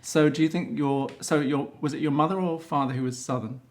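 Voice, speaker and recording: A man's voice: a little high, a little fast, darkish tone. A middle-aged man hosting a casual interview, chatty and teasing, laughing easily. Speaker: interviewer, fashion photographer.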